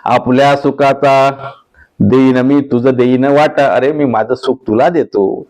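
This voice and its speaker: A man voicing the god Vitthal as a gentle, pleading male deity inside a devotional sermon, coaxing in a raised voice. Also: fairly even intonation, measured pace, lightly acted. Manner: pleading, affectionate, raised pitch. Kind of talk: acted dialogue within devotional sermon.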